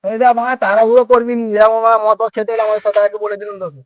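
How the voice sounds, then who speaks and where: Man acting a high-pitched rambling, swearing drunk. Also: level tone, racing, no echo, highs cut off, natural voice. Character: rambling, boastful, foul-mouthed drunk man feeling he could fly. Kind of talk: comedy skit acting in colloquial Bengali.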